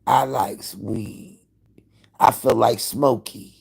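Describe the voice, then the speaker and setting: Man in his 50s, livestream host at home; raspy, gravelly voice, animated and foul-mouthed. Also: mid-range voice, slow, low-quality recording. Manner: animated, profane gossiping with viewers. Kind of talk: casual live-stream chat.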